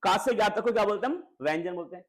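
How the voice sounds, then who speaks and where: A man's voice: high voice, very fast. A man teaching a grammar lesson to schoolchildren, asking and repeating questions. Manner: lively, repeats questions to students, coaxing.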